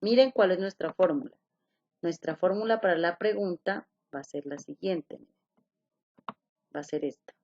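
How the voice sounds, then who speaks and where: A woman's voice: fairly low pitch, moderate pace, pauses often, darkish tone, dull audio. A woman teaching an online English class, explaining patiently, repeating key points and asking her students questions.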